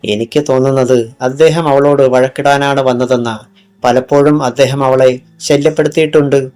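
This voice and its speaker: A smooth, evasive male doctor in an audiobook thriller, read by a man. He stays polite and calm, brushing off every charge. Faint music runs behind him. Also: mid-range voice, moderate pace, lightly acted.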